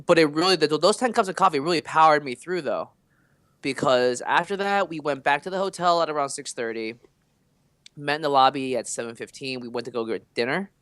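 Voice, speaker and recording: A young man co-hosting a podcast, telling animated, rambling stories in casual chat with lots of fillers. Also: a little high, a little fast, dry recording. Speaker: podcast co-host.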